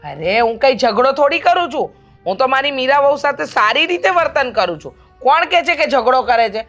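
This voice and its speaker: A woman playing a pushy middle-aged mother-in-law who wants a grandson, talking loudly and insistently in a family drama. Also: sits high, expressive, a little fast, soft background music. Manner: loud, insistent, scolding. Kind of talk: amateur family drama acting.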